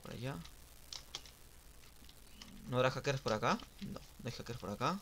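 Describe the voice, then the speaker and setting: A young man streaming a game, giving casual live commentary that swings from muttering to sudden shouts and sing-song teasing. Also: medium pitch, sing-song, moderate pace, a little hiss or hum. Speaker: gaming streamer.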